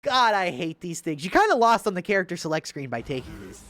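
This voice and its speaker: Young guy roasting gameplay, sarcastic and fed up, pitch all over the place. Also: very animated, quick pace, a bit bright, dry recording. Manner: sarcastic, exasperated, swearing. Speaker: gameplay reviewer. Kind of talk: casual gameplay commentary.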